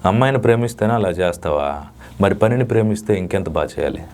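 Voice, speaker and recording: A man, a dubbing artist, giving emphatic, lecturing interview answers with sudden loud rises. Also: low-pitched, animated, fast talker, slight background noise.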